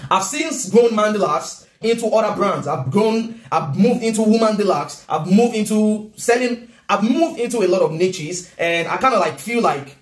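A man's voice: high-pitched, normal speed, few pauses. A man in his thirties with a Nigerian accent, talking casually and earnestly to camera from his home kitchen. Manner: animated, gestures a lot, earnest. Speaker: vlogger and business coach. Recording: roomy room echo.

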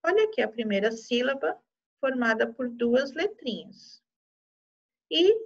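Brazilian teacher lady, high voice, patient with little kids, kinda muffled recording. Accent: Brazilian Portuguese. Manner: gentle, patient, uses diminutives and checks in often. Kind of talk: online class for young children.

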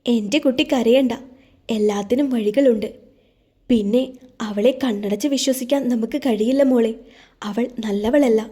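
A woman's voice: fairly high pitch, normal speed, long pauses, warm tone, slightly rough. A woman voicing a caring middle-aged mother who comforts her daughter-in-law with earnest, soothing pleading in an audio story. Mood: tender, firm.

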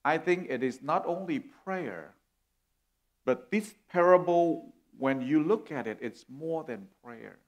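A man's voice: a little high, lively intonation, slow, highs cut off. A middle-aged man from Vietnam, preaching an earnest sermon as a guest speaker on a church stage. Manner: earnest, warm, gesturing as he preaches.

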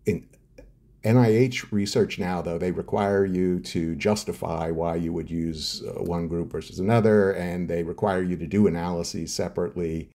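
Answering interview questions as a neuroscientist guest, a middle-aged man talks in a deep, mellow voice at normal speed with fairly even intonation. He builds his explanations step by step, frequently hesitating with fillers and restarting sentences.

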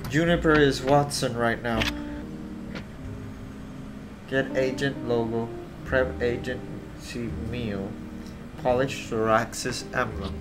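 A man's voice: mid-range voice, fairly even intonation, slow pace, pauses often. A man giving casual gameplay commentary, reacting and muttering to himself in short bursts. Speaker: gamer, let's player. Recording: loud game music behind the voice. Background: game music.

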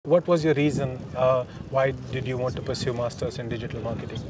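A man's voice: medium pitch, fairly quick, a little mellow, slight background noise. A man in his thirties hosting a street interview in a park, asking friendly, conversational questions. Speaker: host, interviewer. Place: outdoors in a large open park.

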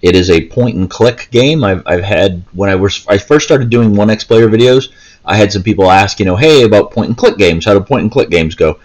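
This gaming host, a man with a fairly low-pitched voice, talks a little fast during a loose, unscripted walkthrough, hesitating, rambling and often cutting off his thoughts. He sits indoors with a handheld console, and the recording is rough.

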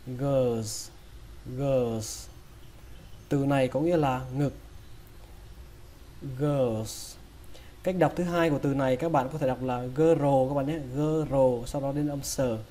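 A man with a Vietnamese accent teaching English pronunciation, breaking each word into sounds and repeating it slowly. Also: medium pitch, fairly even intonation, warm tone, a little hiss or hum. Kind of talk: slow, drilled pronunciation lesson.

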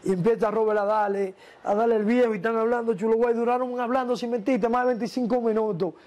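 Man, high voice, animated storyteller, interview guest. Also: fast.

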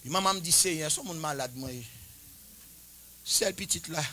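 A man in his forties preaching a sermon, chanting and shouting at the peaks and dropping to quiet, confiding talk between them. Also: a little high, moderate pace, slight background noise. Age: 40s. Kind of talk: Pentecostal-style sermon.

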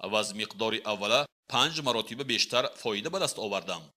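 A man's voice: lowish voice, animated, pushed and bright. A man voicing an eager servant who respectfully reports his gains to his master. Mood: proud.

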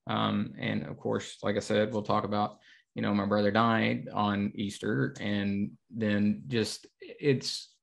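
A man co-hosting a casual church Bible study, relaxed and joking as he talks about ministry plans. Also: fairly low pitch, slow, vocal fry. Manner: joking, relaxed, uses fillers. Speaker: church adult ministries coordinator, co-host.

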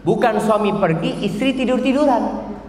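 A man with a high voice preaches to a congregation, telling lively stories and speaking straight to them. He is heard from a distance in a large room with a long reverb, and faint ambient noise sits underneath. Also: moderate pace. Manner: lively storytelling, addresses the congregation directly. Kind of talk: sermon lecture. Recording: echoey hall, far from the mic, faint ambience.

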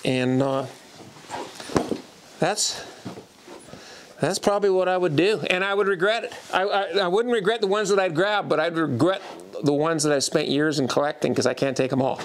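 Folksy middle-aged cowboy in a tack room. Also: male voice, fairly high pitch, normal speed, pauses often, slight background noise. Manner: folksy, repeats words when starting sentences. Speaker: horseman and teacher. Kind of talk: casual show-and-tell. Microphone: lapel mic.

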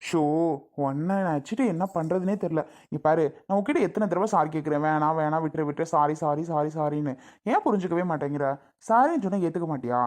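Low-ish, coaxing woman, acted in a family skit; patient but exasperated. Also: quick pace, darkish tone, lightly acted.

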